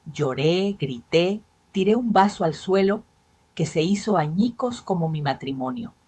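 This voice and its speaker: Breathy woman telling a dramatic story. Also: on the low side, lively intonation, unhurried, darkish tone, no room sound. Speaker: narrator. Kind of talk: dramatic first-person story narration.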